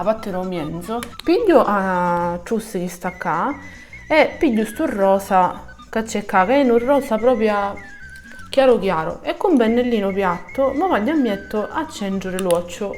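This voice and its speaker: Female tutorial host, southern Italian Sicilian dialect, colloquial and repetitive for emphasis, medium pitch, music underneath. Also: darkish tone. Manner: colloquial, repeats words for emphasis. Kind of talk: casual step-by-step makeup tutorial in Sicilian dialect.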